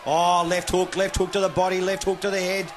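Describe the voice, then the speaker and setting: A man's voice: high voice, little pitch movement, brisk, slight background noise. A man with an Australian accent hosting and giving live boxing commentary.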